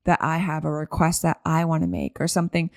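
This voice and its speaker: A woman hosting her own podcast in a relaxed, chatty way, with a lowish voice and a gravelly, fried edge. She keeps tagging her points with "right?" and sprinkles in "like". The sound is close and dry, with no room around it. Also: brisk, no echo. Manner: conversational, tags many points with "right?"; frequent "like" fillers. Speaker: podcast host. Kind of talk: casual solo podcast talk.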